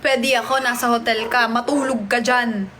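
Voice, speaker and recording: A woman's voice: a little high, fairly even intonation, normal speed, noisy background. A woman hosting a casual live stream from a hotel, chatting and greeting viewers as she reads their comments. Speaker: livestream host. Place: hotel room.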